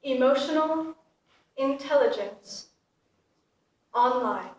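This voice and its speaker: A woman voicing a female android that reboots and runs its system diagnostics, giving flat, clipped status reports. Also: sits high, slow pace. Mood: flat mechanical. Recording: very echoey room, distant mic, faint hiss.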